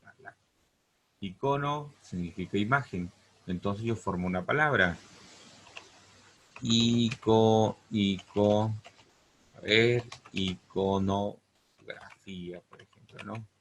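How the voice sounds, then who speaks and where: Slight background noise accompanies a man's fairly low, fairly bright voice as he teaches word roots from Greek. With a Peruvian Spanish accent, he stretches key words and repeatedly checks understanding with "¿correcto?" and "¿te das cuenta?".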